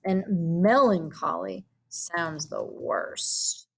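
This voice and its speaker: A woman teacher patiently walking students through a vocabulary activity, explaining each step with gentle hums and fillers. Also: fairly low pitch, drawn-out words, gravelly, breathy edge. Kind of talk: recorded classroom lesson walkthrough.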